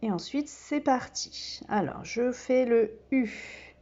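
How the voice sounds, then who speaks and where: A woman who teaches kindergarten, giving a slow and patient step-by-step demonstration full of small fillers. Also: fairly high pitch, lively intonation, a little mellow, muffled recording.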